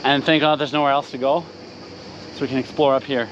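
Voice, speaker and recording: A travel vlogger walks outdoors through a town and up a mountain trail, narrating casually and upbeat straight to his viewers. His medium-pitched voice is steady and fairly quick, with lo-fi sound and a noisy background.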